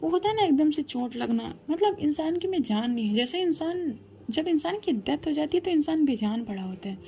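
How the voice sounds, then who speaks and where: A woman's voice: high voice, animated, a little fast, dark tone, slight background noise. Chatty woman retelling a love story. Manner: chatty, addresses listener as brother.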